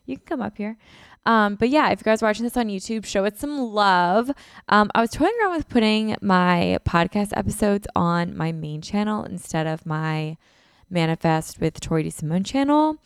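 A woman in her twenties hosts a casual solo podcast from home on a podcast mic, set indoors in a beach house living room. She sounds congested and chats animatedly at a moderate pace, full of "like" and "um." Her mid-range voice is smooth, and the recording is dry and studio quality.

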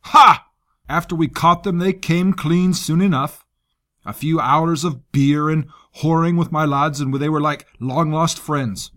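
A man's voice: on the high side, fairly even intonation, a little slow, pitched above the performer's own voice, lightly acted. A man voicing a brash, scarred male military commander with a harsh, taunting manner. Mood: defiant.

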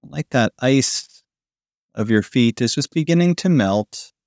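A man narrates as if telling a sleep story, guiding relaxation in a soothing, unhurried way. His mid-pitched voice sits in a very dry recording, with long pauses between phrases. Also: lively intonation, a little mellow, dry recording. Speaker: podcast host guiding a sleep meditation.

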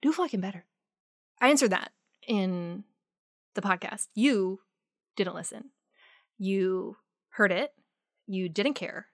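A woman hosts a true crime podcast in a middle-pitched voice. Her sound is dry and close, with no room around it. She speaks bluntly and with passion, and she curses freely. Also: slow, long pauses, no echo. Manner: blunt, profane and impassioned. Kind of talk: podcast sign-off and personal rant.

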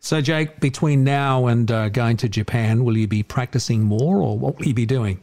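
A man's voice: medium pitch, moderate pace, darkish tone. Australian man interviewing casually, mid-range voice. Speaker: radio interviewer.

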